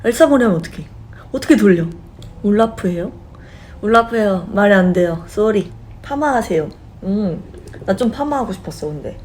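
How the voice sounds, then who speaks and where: Young woman, live-stream host, loose friendly chat, laughs a lot, warm low-key timbre, faint background noise. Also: poor audio. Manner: chatty and giggly, laughing often.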